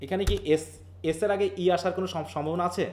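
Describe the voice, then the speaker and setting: A man leads a live online class, explaining each point step by step and stopping often to ask his students questions. His voice sits a little higher than most men's, and he moves easily between English terms and his own talk. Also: fairly even intonation, fast talker, darkish tone. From Bangladesh. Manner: explains patiently and keeps quizzing students. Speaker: English linguistics teacher.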